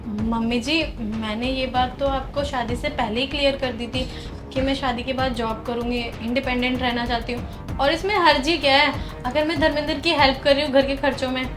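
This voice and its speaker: A woman's voice: sits high, fairly even intonation, fairly quick, fairly bright tone, soft background music. A woman playing a young working wife who pleads politely with her mother-in-law in a family drama skit. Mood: pleading.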